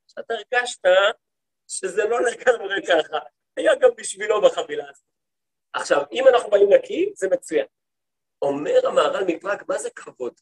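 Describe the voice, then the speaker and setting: A rabbi teaching a class for women, a man telling stories in a lively way and often turning to his listeners with questions. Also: sits high. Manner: lively storytelling, acts out quoted speech; talks to the listeners, asks them questions. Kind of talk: lecture to a women's study group.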